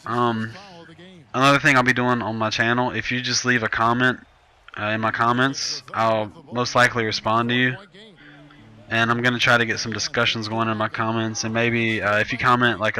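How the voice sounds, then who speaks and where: A man's voice: on the low side, sharp tone, low-quality recording. A nineteen-year-old man, chatting loosely over his gameplay as a gaming YouTuber and often correcting himself. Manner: loose, rambling, self-correcting chat. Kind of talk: casual gameplay commentary.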